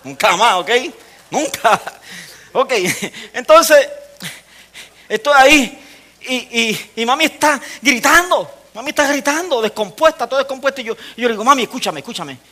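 A man preaching a sermon, telling a personal story and often dropping low and soft for emphasis. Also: lively intonation, moderate pace.

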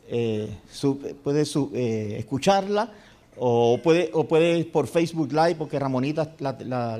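A man preaching a sermon in a church, telling a story and dropping to a hushed voice for repeated prayers. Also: mid-range voice. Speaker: pastor.

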